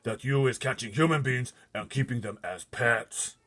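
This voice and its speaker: Man bellowing as a huge booming, menacing giant. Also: close to an everyday voice. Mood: accusing. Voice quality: booming, roaring. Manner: shouted, drawn-out taunting delivery.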